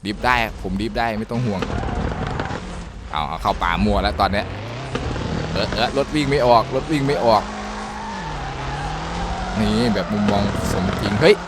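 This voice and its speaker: A man giving casual, excitable commentary while playing a driving game, joking and talking to his viewers. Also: lowish voice, moderate pace, long pauses, very noisy. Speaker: gaming YouTuber.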